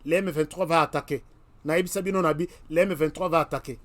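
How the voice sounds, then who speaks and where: Briskly and in a steady tone, a Congolese man with a voice on the high side speaks to the viewers of his web TV channel. His commentary is emphatic and keeps circling back to the same warnings.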